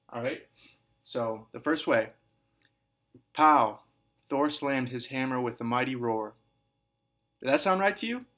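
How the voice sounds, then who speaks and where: This is a man teaching a recorded writing lesson to kindergarten and first grade children. He speaks clearly and patiently, repeating each point and addressing the kids as scholars. When he reads example sentences, his voice lifts into a lively, sing-song emphasis. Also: medium pitch.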